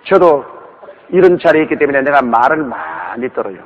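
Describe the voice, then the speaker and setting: A man's voice: medium pitch, sing-song, fairly quick. A male pastor preaching a sermon emphatically, with many rhetorical questions, in a dull, reverberant recording.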